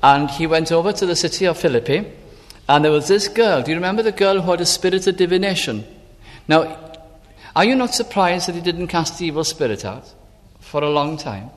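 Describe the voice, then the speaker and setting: Man preaching in a reverberant hall. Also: fairly high pitch. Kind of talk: sermon with personal story.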